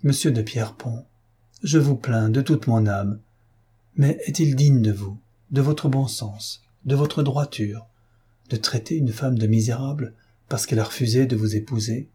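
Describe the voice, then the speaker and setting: Male reader doing a young woman, urgent and pleading, dark husky timbre. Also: mid-range voice, measured pace. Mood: reproachful. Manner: urgent, imploring.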